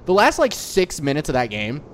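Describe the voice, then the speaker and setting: A man co-hosting a casual football podcast, talking in an animated way and slipping into mock voices. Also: fairly high pitch, fairly quick, a little hiss or hum. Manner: animated, breaks into mock phone-call voices. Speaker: podcast co-host. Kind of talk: casual sports chat.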